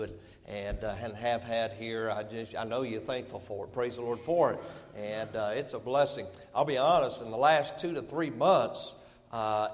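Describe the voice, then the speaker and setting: Middle-aged North Carolina man, guest preacher, homespun and rambling, voice ringing in a large hall. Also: medium pitch. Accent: North Carolina Southern. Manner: folksy, rambling, full of "and, uh" fillers. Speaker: visiting preacher. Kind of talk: sermon. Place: church sanctuary.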